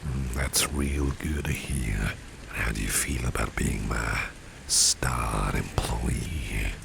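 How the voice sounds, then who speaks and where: In a flirtatious ASMR roleplay spoken to the listener, a man plays a gentlemanly, protective boss in an exaggerated voice that is exceptionally low, heavily creaky, and sinks into a breathy half-whisper. He speaks slowly with suave, courtly phrases, admiring and flirtatious, while steady rain and passing vehicles are clearly heard behind him.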